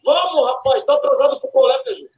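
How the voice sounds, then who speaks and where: A man's voice: extremely high pitch, brisk, pitched above the performer's own voice. A man voicing a harsh, angry father who scolds his son, on an echoey, dull recording. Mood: scolding. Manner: shouting, scolding. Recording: echoey, dull, noisy played audio.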